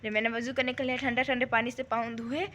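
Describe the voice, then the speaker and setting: A woman's voice: on the high side, little pitch movement, fast talker, a bit bright. A young woman vlogging casually from a windy rooftop at night. She chats on while shivering, and her throat is sore. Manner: chatty, talks while shivering in the cold. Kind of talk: casual vlog chat.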